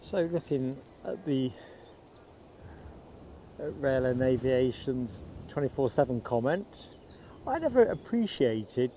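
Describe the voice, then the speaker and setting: Slow and expressive, with long pauses, a man's dark, medium-pitched voice carries an outdoor live stream by an airport. He chats casually and reads viewers' comments aloud while outdoor ambience and passing vehicles are clearly audible behind him.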